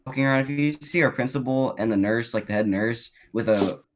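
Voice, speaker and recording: A man's voice: mid-range voice, fairly quick. A teenage boy on a casual podcast with friends, joking and stirring things up. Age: teens. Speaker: podcast co-host. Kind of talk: casual chat among friends.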